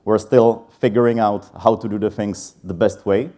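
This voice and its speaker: Speaking from a conference stage, this Czech conference speaker in his thirties is candid and self-deprecating, with frequent fillers in his talk. His voice is fairly low and dark, his intonation fairly even, his speed normal, and his accent Czech.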